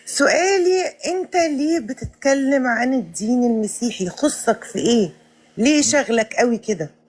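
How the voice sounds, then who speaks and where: A woman caller with an Egyptian accent, talking loudly and defiantly back at a debate host. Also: a little high, lively intonation, normal speed. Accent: Egyptian Arabic. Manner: loud and defiant.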